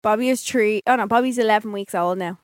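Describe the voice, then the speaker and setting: A woman's voice: mid-range voice, fast talker, clear, resonant tone, no room sound, studio quality. A woman in her twenties with a Dublin Irish accent, co-hosting a podcast in casual, giggly chat and swearing freely. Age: 20s. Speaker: podcast co-host.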